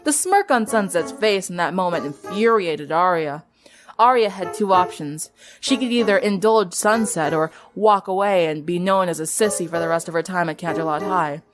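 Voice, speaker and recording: A woman with a fairly low-pitched voice reads a fan fiction story aloud at normal speed, giving scripted dramatic narration with music under her voice.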